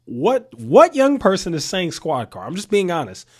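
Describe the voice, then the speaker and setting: A man's voice: high voice, huge pitch swings, moderate pace, breathy edge. A thirty-year-old man giving casual political commentary to his viewers, emphatic and full of rhetorical questions, often repeating himself. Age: 30s. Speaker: commentary channel host.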